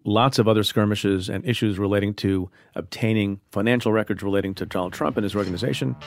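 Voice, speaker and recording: A middle-aged man from India hosting a podcast, explaining news in a measured way and interviewing a guest. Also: lowish voice, fairly even intonation, soft background music. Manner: measured, explanatory, reads ad copy. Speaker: podcast host.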